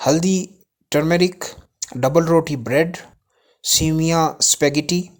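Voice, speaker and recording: Pakistani man teaching English words. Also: fairly high pitch. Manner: reads word lists with fillers and restarts. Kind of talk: casual vocabulary lesson.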